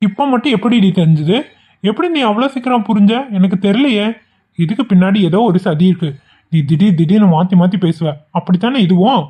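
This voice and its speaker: A woman voicing a patient young husband in a cartoon who reasons with his wife in a steady way. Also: medium pitch, fairly quick, lightly acted. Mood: reasoning. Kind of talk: cartoon voice acting. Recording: dull lo-fi sound.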